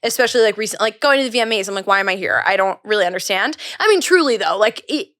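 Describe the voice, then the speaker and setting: An excitable young woman chats casually as a podcast guest, gasping and acting out what people said. Her voice sits at an ordinary pitch. The recording is close and dry. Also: very fast, no room sound. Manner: excitable, gasps and acts out quotes, many fillers. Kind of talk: casual chat.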